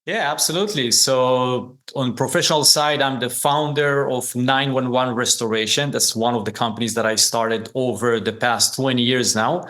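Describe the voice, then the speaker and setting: Appearing as a podcast guest, a business founder in his forties tells his story conversationally in a medium-pitched, fairly bright voice. He is a native Hebrew speaker with an Israeli accent, and his intonation stays fairly even at a moderate pace with hardly any pauses.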